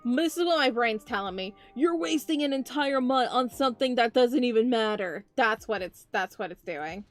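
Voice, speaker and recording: A woman with a slightly high, expressive voice talks at a moderate pace while streaming live as a VTuber. She sounds tired, chatting casually with her viewers, addressing chat directly and poking fun at herself.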